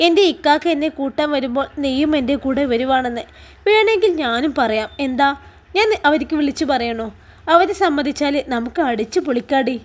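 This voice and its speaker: A woman's voice: high-pitched, lively intonation, brisk. A woman playing a caring teasing friend. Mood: consoling. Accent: Malabar Malayalam. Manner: comforting, scolding fondly.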